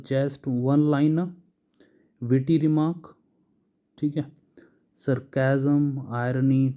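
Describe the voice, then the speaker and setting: A man with an Indian English accent teaching English vocabulary, slowly listing synonyms and explaining them in Hindi. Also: mid-range voice, dark tone. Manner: slow, patient, drawn-out word lists.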